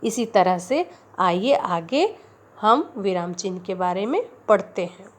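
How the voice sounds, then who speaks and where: Slow-speaking woman teaching grammar. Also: medium pitch, big pitch swings. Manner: slow, deliberate, repeats example sentences. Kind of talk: Hindi grammar lesson.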